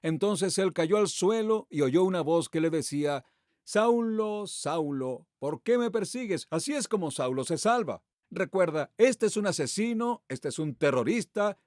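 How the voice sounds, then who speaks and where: A male pastor preaching a sermon with a high, animated voice that leaps up and down in pitch. He fires off rhetorical questions and reads scripture aloud with strong emphasis. The sound is dry and close, with little room echo. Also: moderate pace.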